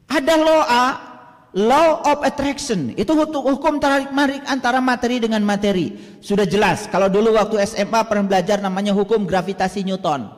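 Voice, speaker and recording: A male religious teacher with an Indonesian accent preaching a sermon, dramatic, swinging from loud to hushed and slowly chanting Arabic verses. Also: high voice. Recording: long hall reverb.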